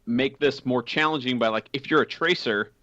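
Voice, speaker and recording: A man's voice: mid-range voice, moderate pace, bright, forceful tone, no echo. Chatty man on a dull, dry mic. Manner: chatty, laughs often, many fillers. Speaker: podcast co-host. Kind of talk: casual gaming podcast chat.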